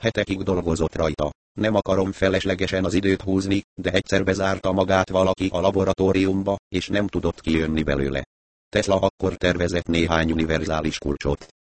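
A man reading the part of a very old, weary and menacing lama with a raspy voice, in an audiobook. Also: sits low, level tone, lightly acted.

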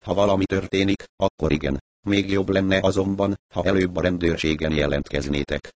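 A weary, reserved man who answers drily and evenly, in a very low voice, as a male narrator reads him. The recording sounds close and dead, with no room in it. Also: fairly even intonation, no echo, natural voice. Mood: dry, reserved.

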